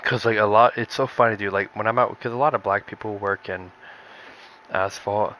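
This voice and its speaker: A young man with a somewhat low voice talks loosely on a live stream. He rambles and restarts, tossing in "dude" again and again as he works through rough comedy ideas. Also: fairly even intonation, normal speed, fairly bright tone, lo-fi sound, slight background noise. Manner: rambling, restarts often, says "dude" a lot. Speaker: streamer trying out stand-up material. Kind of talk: casual chat.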